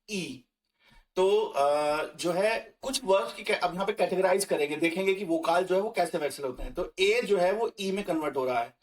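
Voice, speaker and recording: A man's voice: high voice, a bit bright, distant mic. A man teaching German grammar as a screen-recorded lesson, talking conversationally with fillers and restarts. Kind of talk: explaining German grammar in Hindi.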